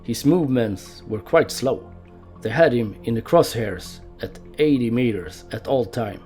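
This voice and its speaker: A man's voice: mid-range voice, lively intonation, a little slow, darkish tone, soft background music. Amused male history narrator. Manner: amused storyteller who laughs at the anecdotes. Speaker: documentary narrator. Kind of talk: history documentary narration with light laughs.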